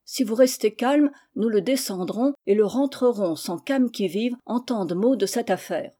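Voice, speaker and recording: A dignified older lady, poised and a little haughty, who answers firmly and keeps her calm, as a woman reader puts her on. Her voice sits in a mellow, warm register with a measured delivery. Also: medium pitch, lightly acted. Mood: stern. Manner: measured, haughty, then firm. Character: older composed wife, stern and dignified.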